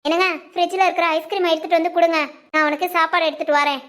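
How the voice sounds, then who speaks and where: A woman plays a caring village wife in a family drama. She coaxes and soothes in a very high, light voice. Her tone stays patient and gentle throughout. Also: steady tone, rapid-fire. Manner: gentle, coaxing.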